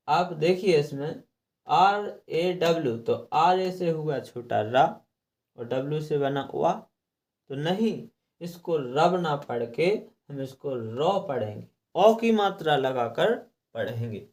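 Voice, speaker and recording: A male teacher gives a slow, step-by-step lesson in a slightly high voice. He talks unhurriedly, repeats each rule several times and sounds out letters one at a time. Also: a little mellow. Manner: clears throat now and then. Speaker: English reading teacher.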